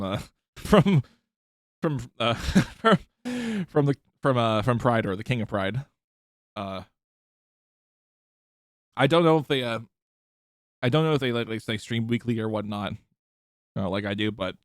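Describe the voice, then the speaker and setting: A man streaming, giving casual commentary over a video clip, halting and full of fillers and restarts. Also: mid-range voice, lively intonation, no echo, clean studio sound.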